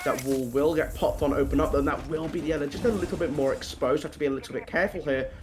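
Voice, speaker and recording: He talks fast with a fairly high pitch while commentating a tactical shooter esports match. The play-by-play broadcast includes noisy game audio, and between plays he jokes with his co-caster in a chatty, self-deprecating way.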